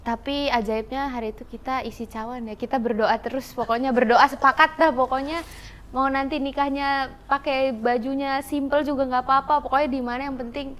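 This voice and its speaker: Higher-voiced woman giving her testimony. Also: fairly even intonation, a little fast, fairly bright tone. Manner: earnest, repeats herself for emphasis. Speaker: guest. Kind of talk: testimony in an interview.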